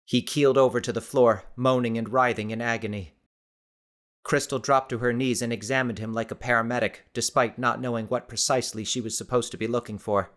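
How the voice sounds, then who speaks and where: A male audiobook narrator reading a suspenseful story. His delivery stays steady and measured throughout. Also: mid-range voice. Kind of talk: scripted narration.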